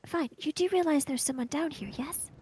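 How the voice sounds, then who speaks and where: A woman's voice: high voice, a little fast, a little mellow, no echo. A woman playing a tabletop game in character, with a dry, sardonic manner. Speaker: player.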